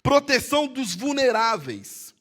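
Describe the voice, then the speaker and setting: A man with a Brazilian Portuguese accent, a pastor preaching a sermon in church, swinging between loud emphatic lines and hushed storytelling. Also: extremely high pitch, very animated, unhurried. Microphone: live-streamed church service mic.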